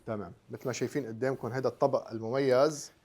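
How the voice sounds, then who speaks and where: Very fast-talking Lebanese man hosting live. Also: medium pitch, fairly even intonation, background noise. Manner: chatty, repeats himself, mixes in English words. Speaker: host of a live online cooking show. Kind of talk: casual live chat, greeting viewers.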